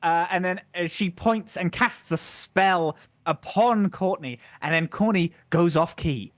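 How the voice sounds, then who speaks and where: A man narrating as game master in a tabletop game stream, animated and laughing as he goes. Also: sits high, measured pace, dry recording. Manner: animated, laughing, restarts often.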